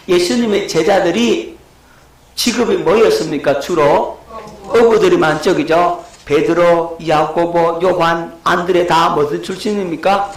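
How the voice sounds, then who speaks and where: A man's voice: fairly high pitch, echoey room, low-quality recording. A middle-aged male pastor, preaching a lecture-style sermon and asking his congregation questions. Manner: rhetorical questions to the congregation, shouting acted quotes.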